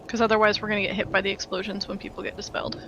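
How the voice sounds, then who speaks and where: A man's voice: sits high, completely flat delivery, racing, pushed and bright, dull audio, a little hiss or hum. A man in casual game voice chat, explaining and correcting where the group should stand. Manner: instructive, correcting positioning. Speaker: raid player.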